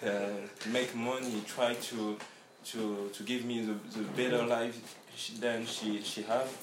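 A man who grew up in France, a guest in a casual interview, talking haltingly and searching for his words. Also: medium pitch, level tone, noisy background. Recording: roomy echo.

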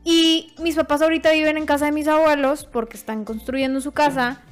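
A young woman telling a funny story on a podcast, lively and quick to laugh. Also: sits high, faint music behind. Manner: lively, laughs often, restarts phrases. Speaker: podcast guest. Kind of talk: casual storytelling.

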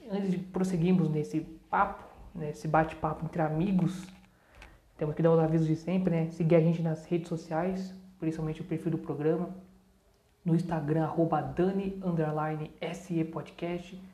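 A woman with a Brazilian Portuguese accent hosts a podcast in a lowish, dark-toned voice. She talks casually and with plenty of slang, drifting off into asides. The sound is roomy, with noticeable echo. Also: fairly even intonation, moderate pace. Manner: colloquial and slangy, rambling with asides. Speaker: podcast host. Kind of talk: casual chat with channel announcements.

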